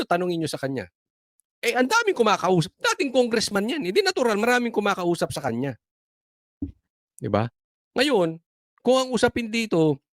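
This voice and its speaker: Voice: medium pitch, no echo, studio quality. A political commentator talking casually, sarcastic and full of rhetorical questions, chuckling between points.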